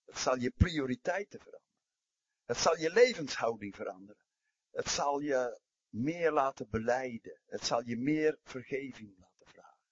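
A man delivers a sermon with a husky, slightly breathy voice. He tells stories, sinks into quiet passages and climbs into forceful emphasis. The recording is dry and muffled, with a dull lo-fi sound. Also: mid-range voice, animated, normal speed, no room sound. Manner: storytelling, swings from hushed to emphatic. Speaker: preacher.

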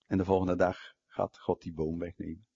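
Male preacher, husky, slow and animated, sermon storytelling, dull lo-fi recording. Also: sits low. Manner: animated storytelling with dramatic pauses.

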